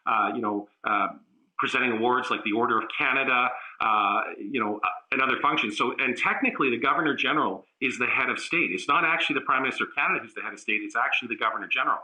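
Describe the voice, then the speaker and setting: Guy analyst on a remote news link, really bright sharp tone, lots of uh and restarts. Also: mid-range voice, poor audio. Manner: measured, frequent uh fillers and restarts. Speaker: political analyst.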